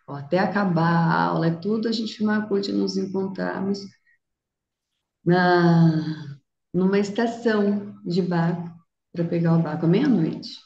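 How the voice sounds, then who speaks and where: A woman's voice: on the low side, vocal fry, a little mellow, echoey room, muffled recording, slight background noise. A woman from Brazil, a guest speaker vividly telling a personal story and acting out the dialogue.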